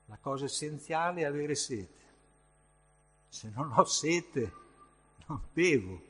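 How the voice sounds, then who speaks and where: Male preacher, slightly high, husky voice, unhurried emphatic sermon, long hall reverb. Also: expressive. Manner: slow, emphatic delivery with sudden surges in loudness.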